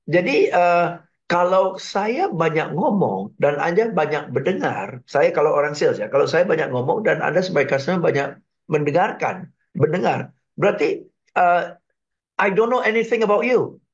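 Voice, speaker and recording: A man gives sales advice as a radio guest, energetic and fond of rhetorical checks with his listener. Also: a little high, moderate pace. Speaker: sales trainer guest on a business radio show. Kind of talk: radio talk, explaining with lively examples. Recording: dull lo-fi radio broadcast.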